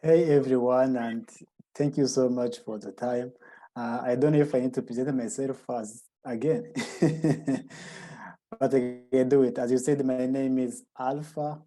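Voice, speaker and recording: A young man with a Burundian accent gives an informal conference presentation in halting, non-native English. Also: mid-range voice, fairly even intonation, warm tone. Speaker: guest speaker presenting at a conference.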